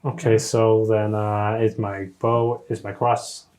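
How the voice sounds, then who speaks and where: A man's voice: on the low side, level tone, slow pace, a little mellow. A man playing a tabletop game, thinking aloud and asking questions. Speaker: player. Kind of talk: casual tabletop game chat.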